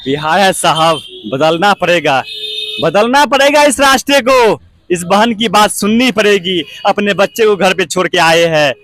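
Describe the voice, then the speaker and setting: Impassioned high-voiced male street reporter. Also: moderate pace, a bit bright, dry recording. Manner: rhetorical questions to politicians, pleading.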